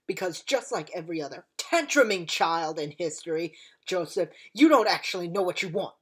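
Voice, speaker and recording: A woman's voice: on the low side, lively intonation, normal speed, breathy edge. A woman playing an impassioned war veteran pleading for peace in a theatrical, rousing dramatic monologue. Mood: taunting, probing. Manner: theatrical, swinging from hushed to shouted. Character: impassioned, unforgiving-yet-forgiving time-traveller war veteran pleading for peace.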